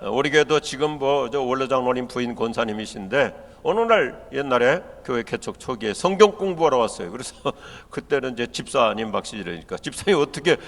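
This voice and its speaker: A man's voice: medium pitch, brisk, hardly any pauses. An older man with a Chungcheong Korean accent, preaching a humorous sermon to pastors and telling jokes. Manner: joking storyteller, acts out dialect and quotes in lively voices. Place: large church hall. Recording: long hall reverb.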